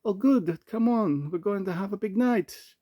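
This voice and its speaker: A man's voice: extremely high pitch, unhurried, breathy edge, dry recording, highs cut off, pitched above the performer's own voice, full character voice. A man voicing a cheery young male art student with a put-on French accent. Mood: coaxing.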